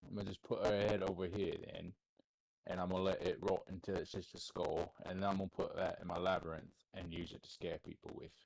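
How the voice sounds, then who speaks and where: A man's voice: low voice, flat delivery, quick pace, creaky, a little mellow, dry recording, rough recording. A man playing a tabletop game in character, talking casually with some stammering. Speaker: player.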